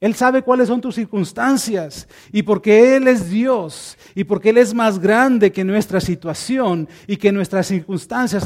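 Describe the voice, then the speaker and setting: A man's voice: sits high, a little mellow. A man preaching a sermon in a conversational, earnest way, acting out small dialogues and repeating key words. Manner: conversational, acts out little dialogues.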